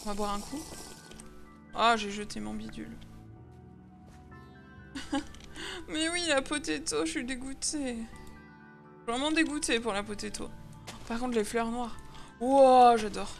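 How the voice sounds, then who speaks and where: A young woman commenting on her Minecraft game in a chatty, excitable way, often laughing and squealing. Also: fairly high pitch, unhurried, vocal fry, long pauses. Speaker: gaming video host. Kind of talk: Minecraft let's play commentary. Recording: faint music underneath. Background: faint background music.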